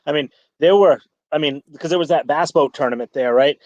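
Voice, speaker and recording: A man's voice: a little high, brisk, darkish tone, dry recording. A man chatting casually on a fishing podcast, rambling with many restarts and fillers. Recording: dull lo-fi dry sound.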